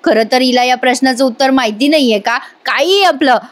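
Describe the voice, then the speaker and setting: A woman's voice: sits high, brisk. A woman casually recapping a TV serial episode in a voice-over review, chatty and amused, speaking directly to viewers.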